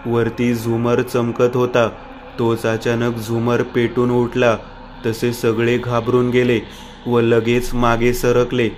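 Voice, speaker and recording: A man narrating a horror story in a steady, even reading style. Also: mid-range voice, slow pace, slight background noise.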